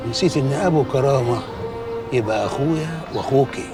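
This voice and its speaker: An actor playing a cautious, conscience-stricken brother with an Egyptian accent, speaking earnestly. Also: male voice, mid-range voice, fast talker, recorded from a distance, music in the background, lightly acted. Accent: Egyptian Arabic. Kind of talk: TV drama acting.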